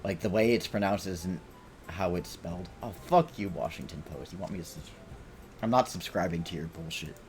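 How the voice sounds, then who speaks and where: A man with a deep, low voice narrates his gameplay in a loose, rambling way, swearing often and muttering to himself. Faint music sits underneath his talk. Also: brisk. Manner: rambling, profane, self-talking. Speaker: game streamer. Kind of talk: casual gameplay commentary.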